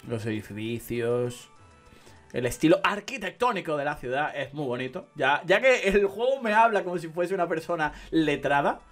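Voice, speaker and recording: A man's voice: on the high side, animated, normal speed, a bit bright, faint music behind. A young man from Spain with a Spanish accent, giving sarcastic, slangy let's play commentary full of swearing. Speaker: gaming youtuber.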